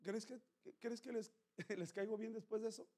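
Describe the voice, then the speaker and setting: A male pastor preaching a sermon with fervor. He moves between quiet asides and loud outbursts and jokes bluntly with his congregation. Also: sits high, fairly even intonation, moderate pace. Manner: fervent preaching, swinging from quiet to shouting.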